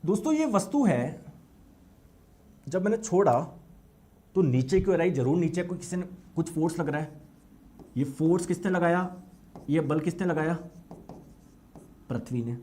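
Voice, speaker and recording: A man with a high voice teaching a classroom physics lecture. He talks with energy, repeats words for emphasis and keeps asking his students to answer yes or no. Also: lively intonation, unhurried, long pauses, dark tone.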